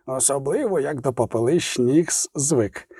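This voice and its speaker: Blunt bossy gnome boss guy, a man reading him, lively up-and-down voice, mellow low tone, dry close sound. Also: measured pace, breathy edge, dry recording. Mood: sly. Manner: blunt, folksy, commanding. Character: gruff bossy male gnome leader, middle-aged. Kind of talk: audiobook character reading.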